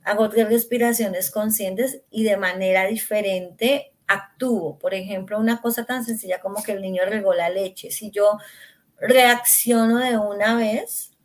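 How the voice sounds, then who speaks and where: Woman, parenting coach, podcast guest, reflective, middle pitch, examples from everyday life. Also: steady tone, unhurried. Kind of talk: podcast interview conversation.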